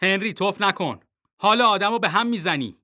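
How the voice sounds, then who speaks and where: A man's voice: sits high, expressive, sharp tone, pitched above the performer's own voice, full character voice. A man voicing a stern, short-tempered father who barks orders in a storybook reading.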